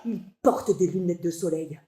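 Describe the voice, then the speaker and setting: A woman's voice: on the low side, moderate pace, crowd noise, lightly acted. An actress in her twenties performing a stage monologue as a frazzled young after-school worker, in a rhythmic, breathless delivery with sudden outbursts. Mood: frantic. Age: 20s. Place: stage at a theatre festival. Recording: echoey live hall.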